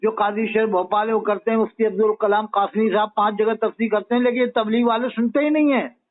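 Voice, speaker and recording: Man, high-pitched, argumentative, interrupting, tinny phone line. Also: fairly even intonation, a little fast. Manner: argumentative, talks over the caller. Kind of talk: heated phone debate.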